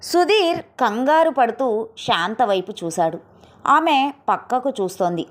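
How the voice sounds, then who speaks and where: A woman narrating an audio story in a steady, emotive reading style. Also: a little high, measured pace.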